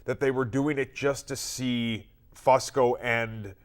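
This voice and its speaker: A man's voice: mid-range voice, steady tone, takes it slowly. An American man co-hosting casual sports talk, giving his opinions bluntly and with emphasis. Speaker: sports talk show co-host.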